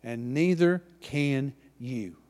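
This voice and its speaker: Taking it slowly in a large hall, the pastor, who has an Oklahoma accent, gives a folksy sermon in church. His voice falls low and quiet and then climbs to loud.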